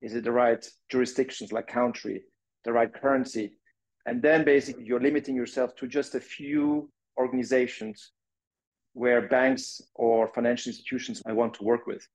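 On a rough recording, a man from Switzerland with a dark-toned, mid-range voice and a French-Swiss accent guests on a podcast. As founder, he explains his business methodically, step by step, in non-native phrasing.

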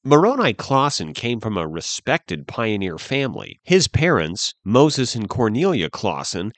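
A man narrating a dark history tale in a measured, suspenseful way. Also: medium pitch, no room sound. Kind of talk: dramatic history storytelling. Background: faint music.

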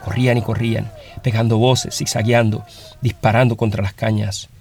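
A man reading a story aloud as narrator, in a steady, dramatic storytelling manner. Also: fairly low pitch, normal speed, creaky.

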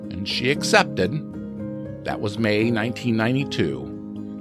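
A man hosting a podcast, reading a scripted true crime narration. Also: mid-range voice.

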